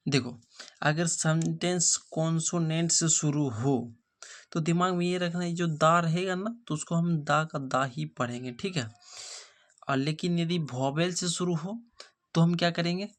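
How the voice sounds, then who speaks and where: A man teaching an English grammar lesson, asking rhetorical questions and checking whether students follow. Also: fairly high pitch. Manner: repeats rhetorical questions, checks understanding often.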